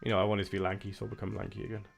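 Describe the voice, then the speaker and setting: With a lowish, level voice edged with vocal fry, a Welshman rattles along rapid-fire over background music. He's giving casual commentary on a game he's streaming, reading viewers' chat aloud and responding.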